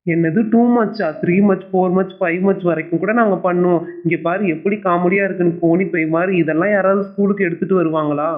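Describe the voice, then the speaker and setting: A man's voice: high voice, steady tone, close to an everyday voice. A man voicing a cheeky schoolboy in a doll show, drawling and mocking. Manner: mocking, giggling, slow drawl. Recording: tinny phone-like sound.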